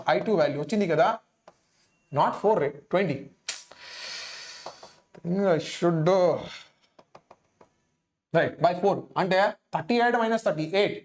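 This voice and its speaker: A man's voice: high-pitched, a little hiss or hum. A man with a Telugu Indian accent, a native Telugu speaker, teaching an exam-coaching lesson, working through sums aloud, repeating phrases and prompting students with questions. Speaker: physics teacher.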